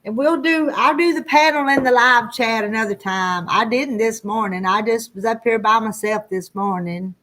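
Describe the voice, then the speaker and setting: A woman in her sixties chats with live viewers at normal speed, hardly pausing, her voice a little high, a bit bright, and fairly even in intonation. She hosts the stream in a folksy, rambling, homespun manner, speaking with the rural Southern Ozark country accent of the Arkansas Ozarks foothills.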